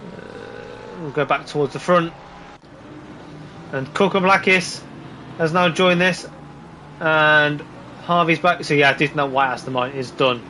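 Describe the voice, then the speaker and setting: A man doing live motorsport commentary, calling the race play by play in an excitable, exclaiming way. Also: a little high, a little slow, pauses often, a little hiss or hum, low-quality recording. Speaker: motorsport commentator on a sim racing broadcast.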